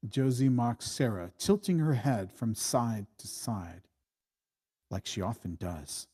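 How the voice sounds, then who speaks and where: A man reads screenplay stage directions slowly, his mid-pitched voice measured and matter-of-fact. The tone is warm and slightly rough.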